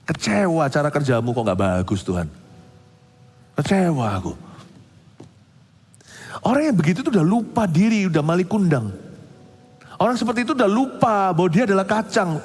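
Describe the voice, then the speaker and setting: A middle-aged male pastor giving an animated sermon, moving between soft, intimate passages and emphatic outbursts, with English phrases mixed in. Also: fairly high pitch, husky. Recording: reverberant hall.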